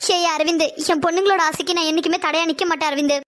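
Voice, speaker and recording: A woman voicing a weary, soft-spoken middle-aged mother in a cartoon, answering hesitantly and quietly. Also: extremely high pitch, steady tone, rapid-fire. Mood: subdued. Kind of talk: animated cartoon dialogue.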